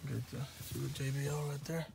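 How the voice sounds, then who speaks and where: A man filming on a phone in a car lot, showing viewers a new car in a relaxed, offhand way. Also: mid-range voice, brisk, vocal fry, noisy background. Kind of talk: casual walkaround video. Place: outdoor car dealership lot and inside a car. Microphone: phone held in hand while filming.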